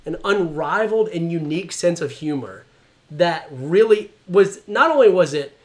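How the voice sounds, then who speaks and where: A man, probably in his thirties, co-hosting a live show with excitable, enthusiastic, casual fan talk. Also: fairly high pitch, normal speed.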